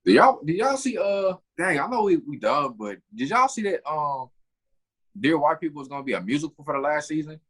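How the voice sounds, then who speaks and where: A man co-hosting a casual podcast, talking fast and loosely in slang, full of restarts. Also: on the high side, sing-song, a bit bright, low-quality recording. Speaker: podcast co-host. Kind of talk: casual chat.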